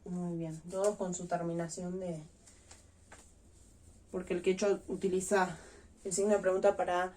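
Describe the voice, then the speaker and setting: A woman's voice: on the low side, dark tone. A woman teaching a recorded online language lesson, explaining patiently step by step and stressing each example word.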